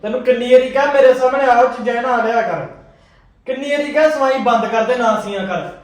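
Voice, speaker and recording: Actor as a grumpy scolding husband, high voice, distant echoey room, faint music. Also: male voice, fast talker. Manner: scolding, irritable. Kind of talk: web series drama acting.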